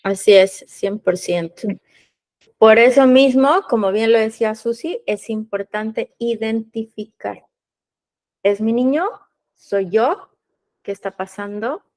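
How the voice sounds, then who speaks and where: A woman's voice: fairly high pitch, slow, darkish tone. A woman hosting a podcast interview, explaining her points in a teaching way and answering her own rhetorical questions. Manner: didactic, asks rhetorical questions and answers them. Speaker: podcast host.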